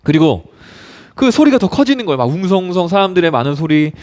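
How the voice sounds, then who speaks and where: A male youth pastor preaching a sermon, telling a story with animated drama and asking the listeners questions. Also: sits high, fast talker.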